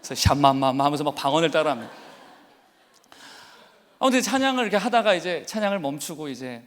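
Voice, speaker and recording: A male pastor preaches in a church sanctuary, moving from a heartfelt personal testimony to a fervent call to his congregation. His voice sits somewhat high for a man, and a long hall reverb trails behind every phrase. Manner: emotional personal testimony, rising to fervent exhortation. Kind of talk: sermon.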